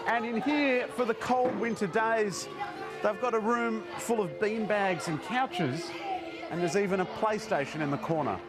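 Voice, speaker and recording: A TV reporter presents on location in a chatty, upbeat tone. The chatter of a crowd and clear music sit behind the voice. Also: mid-range voice.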